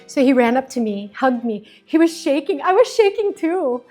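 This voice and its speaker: A woman in her fifties, an interview guest, telling a story in a casual, animated way and acting out quoted lines while mixing English and Filipino. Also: sits high, moderate pace, soft background music.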